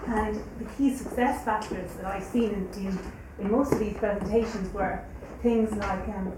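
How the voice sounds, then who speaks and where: A woman academic giving an unscripted, halting comment at a conference, recorded at a distance in an echoing, noisy room. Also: medium pitch, steady tone. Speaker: business academic.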